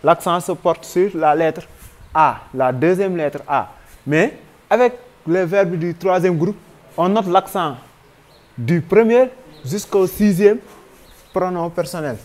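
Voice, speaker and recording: A man's voice: high-pitched, takes it slowly, a little mellow. A man with a Senegalese French accent teaching a grammar lesson, patiently spelling out verb forms one by one.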